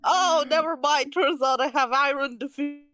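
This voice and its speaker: A woman's voice: sits high, fairly quick, fairly bright tone. A woman playing a tabletop role-playing game, joking with exasperated, swearing banter. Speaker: player.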